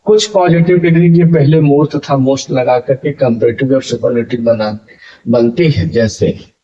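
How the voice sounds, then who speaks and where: A man's voice: mid-range voice, fairly even intonation, warm tone, muffled recording. A man with a Hindi accent teaching English grammar, explaining patiently and repeating key words. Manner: explains slowly, repeating words and addressing viewers as friends. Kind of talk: classroom lecture.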